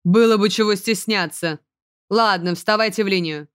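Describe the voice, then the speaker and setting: A woman's voice: mid-range voice, normal speed, smooth, lightly acted. A woman voicing a disdainful young male student who speaks in an offhand, scornful way.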